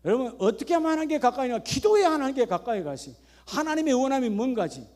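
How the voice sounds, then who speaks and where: A man preaching a sermon as senior pastor at a church service, emphatic and scolding, firing rhetorical questions at the congregation and dropping between loud exhortation and hushed storytelling. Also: very high-pitched, very animated, quick pace.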